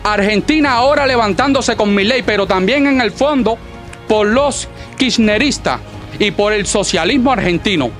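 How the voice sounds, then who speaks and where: A Cuban man speaks as a political orator in a formal, declamatory style. His voice sits high for a man. Soft music plays faintly behind the solemn address. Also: animated, normal speed. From Cuba. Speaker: political speaker at an exile inauguration. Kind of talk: formal political speech, partly read from a script.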